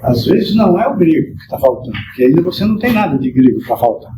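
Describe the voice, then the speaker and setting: A man's voice: fairly high pitch, very animated, quick pace. A man teaching a Greek class, patient and reassuring, with many fillers and tag questions. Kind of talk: classroom lecture. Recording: echoey classroom recorded from far off, loud noise.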